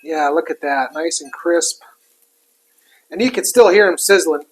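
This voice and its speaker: Speaking unhurriedly in a husky, medium-pitched voice, a cook gives a relaxed, talkative demonstration at the griddle. Sizzling food and clinking utensils fill the background, and the audio quality is poor.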